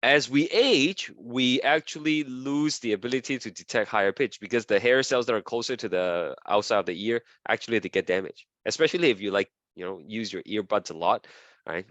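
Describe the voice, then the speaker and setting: A man's voice: mid-range voice, a little fast, fairly bright tone, dry recording, highs cut off. A man lecturing a class, repeating key terms as he draws and often asking "okay?" and "right?".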